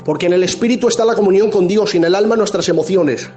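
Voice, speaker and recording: A man's voice: high voice, fast, mellow, faint music behind. A man preaching a fervent sermon as pastor, acting out dialogues with God and scripture, with an Andalusian Spanish accent.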